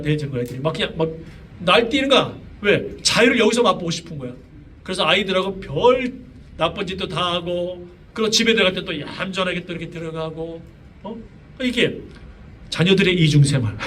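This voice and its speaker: A man's voice: sits high, a bit bright. A middle-aged male pastor preaching a sermon in a casual, conversational way, often asking the congregation questions. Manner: conversational preaching with many fillers and rhetorical questions. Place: church sanctuary. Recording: voice from a distance, faint room noise.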